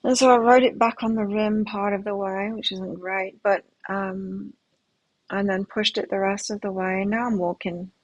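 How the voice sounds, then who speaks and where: A woman's voice: medium pitch, steady tone, moderate pace, no echo, lo-fi sound. A middle-aged woman with a mixed British and Australian accent, chatting and musing aloud as she reads tarot cards live. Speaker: tarot reader. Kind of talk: live tarot reading chat.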